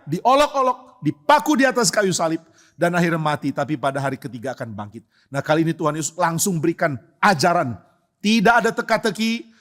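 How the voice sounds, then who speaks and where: A male pastor preaches in a church with a fairly high-pitched voice. He keeps the sermon conversational and humorous, firing off rhetorical questions and slipping into acted-out dialogue. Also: fairly bright tone.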